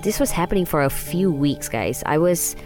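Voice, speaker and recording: A young woman, hosting a storytelling podcast and telling a personal story in an animated, casual way. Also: on the low side, moderate pace. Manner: animated, addresses listeners as guys. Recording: music playing behind.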